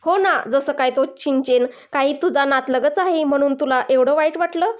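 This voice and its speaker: A woman's voice: high voice, normal speed, natural voice. A woman doing a teasing young husband. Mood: mocking. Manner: teasing, mock-formal, stubborn. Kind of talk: storybook dialogue.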